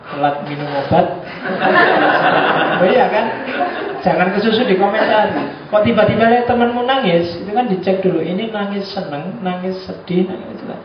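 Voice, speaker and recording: A man's voice: high voice, distant mic. A male university lecturer, giving a chatty, joking class lecture and acting out examples. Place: lecture room. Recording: echoey room from afar, dull lo-fi, background noise.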